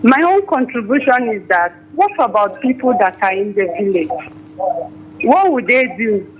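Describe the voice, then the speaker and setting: A woman's voice: on the high side, sing-song, normal speed. A woman calling in to a radio show, giving her opinion in an earnest, plain-spoken way over a clipped phone line. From Nigeria. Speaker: radio call-in caller. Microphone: telephone. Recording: dull, lo-fi phone line with faint noise.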